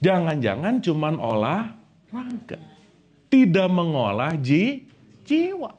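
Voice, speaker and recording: A man preaching a lively sermon to a live audience, joking and quizzing them with questions. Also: on the high side, takes it slowly. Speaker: Islamic preacher.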